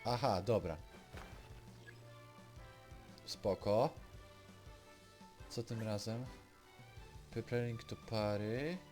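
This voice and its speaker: A man with a Polish accent streams himself playing a video game, muttering casual commentary over the game music. His voice is on the low side and a little mellow, and he speaks slowly with long pauses.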